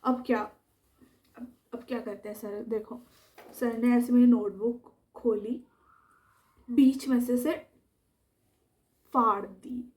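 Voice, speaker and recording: A woman's voice: fairly high pitch, moderate pace, pauses often. A young woman chattily telling a school story as a vlogger, animatedly acting out what people said. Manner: chatty, animated retelling that acts out the quoted lines. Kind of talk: casual storytime narration.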